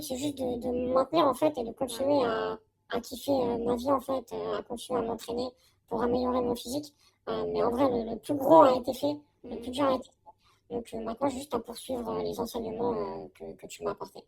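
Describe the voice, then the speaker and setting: A woman's voice: high-pitched, creaky, low-quality recording. A young woman giving a casual, slangy testimonial in an informal conversation. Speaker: coaching client giving a testimonial.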